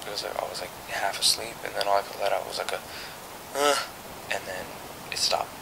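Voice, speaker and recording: A young man telling a rambling story to camera late at night in a hushed, half-whispered voice, swearing casually. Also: on the low side, level tone, fast talker, vocal fry, noisy background. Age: young adult. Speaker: vlogger. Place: small bedroom at night, indoors.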